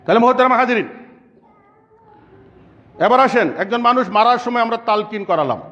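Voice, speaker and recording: A man's voice: very high voice, animated, moderate pace, fairly bright tone. A man preaching a sermon to a congregation, asking the audience rhetorical questions and building up emphatic lists. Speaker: Islamic preacher. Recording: lo-fi with long hall reverb.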